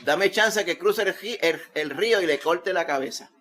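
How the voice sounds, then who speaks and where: A male pastor with a Puerto Rican accent delivers a Sunday sermon. His voice sits a touch higher than most men's, and he preaches emphatically, surging louder when he quotes scripture. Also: normal speed. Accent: Puerto Rican Spanish.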